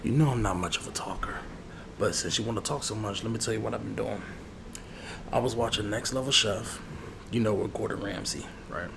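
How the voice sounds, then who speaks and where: In this ASMR role-play, a man voices a low, grumbling barber who chats casually and confidingly with the listener. He repeats phrases and wanders into long asides. The recording has clearly noisy ambience behind it.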